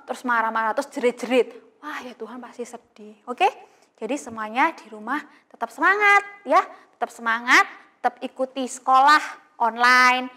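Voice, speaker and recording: A young woman with a high voice leads a Sunday school class for children over video. She chats and coaxes, drops in fillers, and keeps asking the kids questions. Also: fairly bright tone. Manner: chatty and coaxing, talking straight to children with many fillers.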